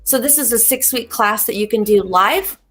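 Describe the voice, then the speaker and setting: A woman's voice: on the high side, moderate pace, fairly bright tone. A woman hosting a casual livestream as a spiritual reader, chatty and rambling, laughing often.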